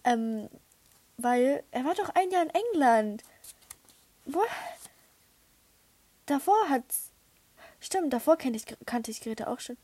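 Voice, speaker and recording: A young woman hosting a podcast in casual chat, excitable, with dramatic outbursts and English slang thrown in. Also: high-pitched, slow, long pauses, dry recording. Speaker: podcast host.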